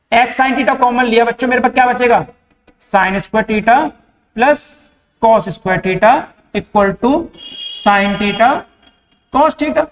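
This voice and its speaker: A young man teaching a math class with an Indian accent, asking the class questions and answering them himself. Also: very high voice. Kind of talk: board-exam math lesson. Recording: echoey room with long reverb.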